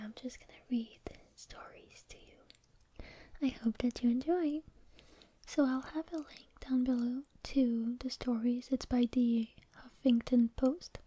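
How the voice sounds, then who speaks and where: A woman whispering in a breathy, unvoiced voice, reading stories and rambling informally in an unhurried ASMR style. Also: fairly high pitch, mellow.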